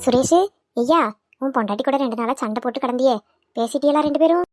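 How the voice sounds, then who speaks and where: A woman's voice: high voice, fast talker, darkish tone, no echo, studio quality, soft background music, voice pushed down. A woman voicing a scheming, scolding old village mother-in-law for a cartoon. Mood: scornful. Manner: scolding, nagging, grumbling. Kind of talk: cartoon voice acting.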